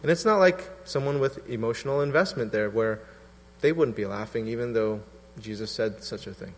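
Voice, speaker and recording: Pastor, man in his thirties, chatty sermon delivery, puts on voices for quotes, mid-pitched, long church reverb. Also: normal speed. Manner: conversational preaching, acting out quotes in voices. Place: church hall.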